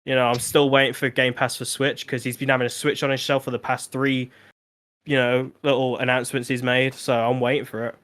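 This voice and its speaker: A man's voice: medium pitch, flat delivery, a little fast, fairly bright tone. Rambling man in casual chat. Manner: rambling, lots of fillers and restarts. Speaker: podcast panelist.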